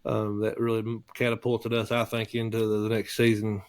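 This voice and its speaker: A man recalls old games in a casual podcast chat, rambling and correcting himself along the way. His pitch stays flat and even. The recording is dry and close. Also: brisk, clear, resonant tone, no room sound. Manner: rambling reminiscing with fillers and self-corrections.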